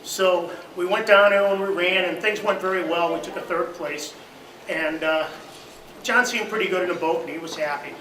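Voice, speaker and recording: Giving a eulogy at a memorial service, a high-pitched man tells stories at a moderate pace, full of fillers, growing loud during his boat tales. Recorded from a distance in a roomy hall, the audio has a little hiss or hum.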